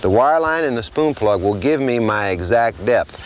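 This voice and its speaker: A man's voice: mid-range voice, animated, normal speed, poor audio. An older man, a fishing instructor, explains step by step in a plain hands-on tutorial while he ties rigs.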